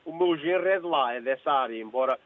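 An older man born in Angola calls a radio show from work and chats in a fast, mid-range voice. He often repeats himself, with repeated phrases and hesitant restarts, and the phone line sounds tinny.

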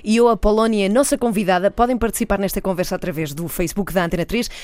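Brisk woman radio host, quick delivery, dry studio sound. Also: medium pitch, a little mellow, no room sound. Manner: brisk, engaged interviewer. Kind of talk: radio interview. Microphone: studio microphone.

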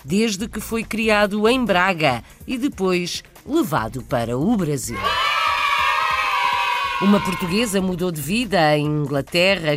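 A woman presenting a news magazine with scripted narration. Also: medium pitch.

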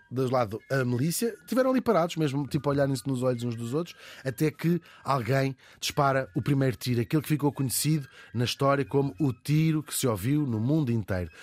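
Man, European Portuguese accent, very quick talker, animated and colloquial history storyteller. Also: medium pitch. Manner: animated, colloquial, repeats words for emphasis. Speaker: storytelling host. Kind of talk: casual historical storytelling in conversation.

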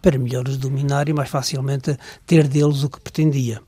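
An older man with a European Portuguese accent, a writer and journalist reminiscing as a guest in a radio interview, halting and breaking off words, sometimes dropping to a near whisper. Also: mid-range voice, little pitch movement, dark tone, slightly rough, no echo.

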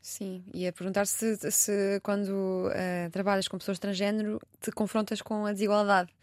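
A woman hosting a casual interview, asking quick, curious questions. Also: medium pitch, level tone, dry recording, studio quality. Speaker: podcast host.

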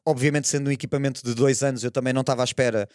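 A man's voice: mid-range voice, fairly even intonation, racing, a little mellow, no room sound, clean studio sound. A man with a European Portuguese accent talking casually on a podcast, in a hesitant, meandering way with frequent check-in questions. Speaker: podcast panelist. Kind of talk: casual chat.

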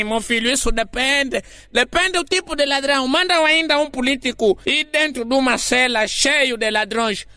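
A man's voice: very high-pitched, moderate pace, sharp tone, clear, resonant tone, no echo, soft background music. A man with an Angolan accent hosting a comedy sketch, exuberant and teasing, laughing between jokes. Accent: Angolan Portuguese. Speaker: comedy host. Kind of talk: comic sketch, playful banter.

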